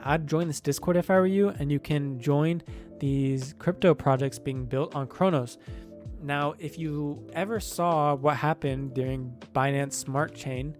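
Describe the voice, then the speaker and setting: A young man hosting a crypto channel, talking through his screen in a casual, rambling way with many fillers and restarts, his mouth sore so speech comes with some effort. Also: on the high side. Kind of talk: casual screen-share commentary.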